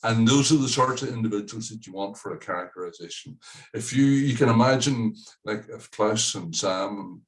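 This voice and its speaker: A man's voice: fairly low pitch, normal speed, recorded from a distance, poor audio. A man on a conference panel telling anecdotes with dry humor and many restarts. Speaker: conference speaker. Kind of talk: storytelling in a panel discussion.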